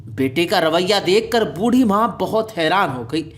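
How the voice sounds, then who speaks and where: A woman's voice: fairly low pitch, animated. Woman narrating a moral tale. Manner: dramatic, moralizing storytelling. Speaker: storyteller. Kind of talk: scripted story narration.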